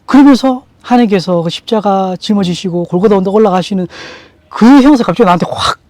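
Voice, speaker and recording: Fast-talking high-voiced man, earnest testimony. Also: a little mellow, no echo. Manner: emotional, earnest, halting with many restarts. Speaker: franchise store owner. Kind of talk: personal testimony in a casual interview.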